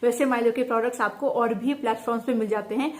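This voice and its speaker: A young woman chatting casually in a home vlog, talking quickly and fluently. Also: fairly high pitch, steady tone, darkish tone. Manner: chatty and quick, mimics others' speech. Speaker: vlogger. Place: indoor home. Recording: echoey room, faint background noise.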